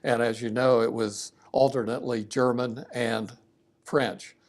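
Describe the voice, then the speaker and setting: An older man, a veteran, remembering his family history haltingly in an interview. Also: mid-range voice, level tone. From southern Ohio, United States.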